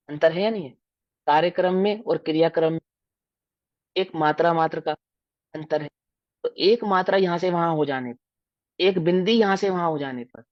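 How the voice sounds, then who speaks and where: A man's voice: fairly high pitch, darkish tone, no echo. Man, Hindi accent, religious lecture, question-and-answer teaching, dry, muffled recording. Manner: explanatory, asks the listeners questions and answers them. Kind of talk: scriptural lecture to a class.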